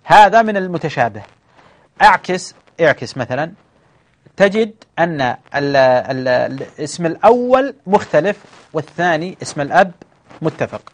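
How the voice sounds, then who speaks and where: A man's voice: a little high, very animated, normal speed, long pauses. A man teaching a classroom lecture, explaining patiently with frequent hesitations and often checking whether his students follow. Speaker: teacher of hadith sciences.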